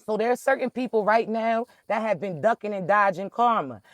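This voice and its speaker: Talking straight to his viewers, a young spiritual reader preaches emphatically in a raspy, high-sitting voice. His intonation is lively and his pace a little fast, and the audio has no echo.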